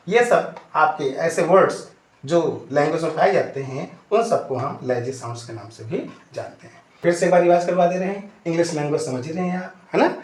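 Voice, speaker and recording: A man's voice: high voice, darkish tone, echoey room. A man teaching an English lesson, asking questions and answering them himself and repeating each point, addressing his students fondly. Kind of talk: classroom-style lesson.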